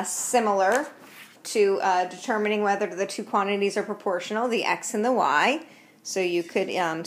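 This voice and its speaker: A woman's voice: medium pitch, fairly bright tone, a little hiss or hum. A woman teacher recording a homework walkthrough on a tablet at home, explaining step by step in an easygoing way. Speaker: math teacher. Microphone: tablet built-in mic.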